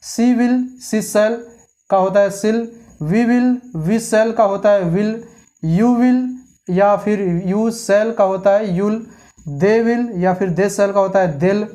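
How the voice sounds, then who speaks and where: A teacher delivers a spoken grammar lesson at a slow, deliberate pace. They dictate each form on its own, then explain in quicker bursts. They keep checking the listener with repeated quiz questions. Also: medium pitch, fairly even intonation, dark tone. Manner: reads English forms slowly one by one, then explains quicker. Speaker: English teacher.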